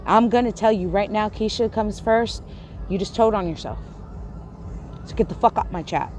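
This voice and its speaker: A YouTuber from Texas who stutters and has a lisp rants angrily at her livestream chat, swearing, repeating herself and restarting sentences in a confrontational way. Her mid-range voice is a little mellow at a normal speed, with slight background noise.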